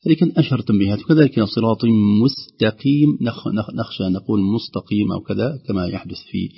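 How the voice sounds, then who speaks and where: Low husky guy teaching recitation on radio, rattles along fast, dull muffled audio. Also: expressive. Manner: explains carefully, slowly demonstrating words aloud. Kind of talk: radio explanation of recitation rules.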